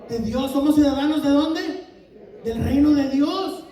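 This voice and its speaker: Preacher with a Valley Tex-Mex accent, echoey hall. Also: male voice, extremely high pitch. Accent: Tex-Mex Spanish of the Rio Grande Valley. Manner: asks the congregation many questions, quick and lively. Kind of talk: sermon. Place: church sanctuary. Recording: echoey church hall from a distant mic.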